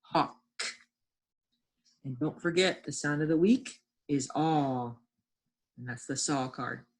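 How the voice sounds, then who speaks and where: A woman's voice: deep voice, slow pace, breathy edge. A woman teacher giving a lesson from home, patiently sounding out words and encouraging her class.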